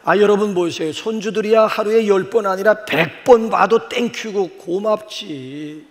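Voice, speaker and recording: An older man, a pastor, preaching a sermon with folksy stories and sudden animated exclamations. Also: high voice, a little slow, in a large hall.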